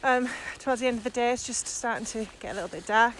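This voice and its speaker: A female co-host of a laid-back podcast discusses ideas while walking outdoors through a village. She speaks quickly in a high, slightly bright voice, and the recording is noisy with surrounding ambient sound.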